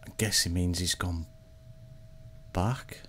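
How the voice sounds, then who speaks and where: A man's voice: sits low, steady tone, slow pace, a bit bright, a little hiss or hum. A man casually commenting on a horror game as he plays it, with laid-back, muttered reactions. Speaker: gaming channel host.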